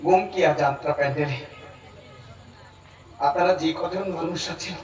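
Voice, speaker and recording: A man's voice: on the high side, close to an everyday voice. A male stage actor playing an anguished son who longs for his father, in an impassioned, pleading, melodramatic folk theatre style. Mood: tearful pleading. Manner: impassioned, pleading, drawn-out emotional delivery. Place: folk theatre pandal before an audience. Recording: echoey crowded stage PA from far off.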